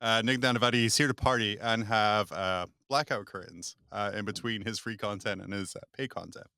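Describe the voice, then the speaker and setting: A man hosting a gaming podcast, talking in a joking, animated way and laughing often. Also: fairly low pitch, fairly quick, smooth, no room sound. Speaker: podcast host. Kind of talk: casual chat.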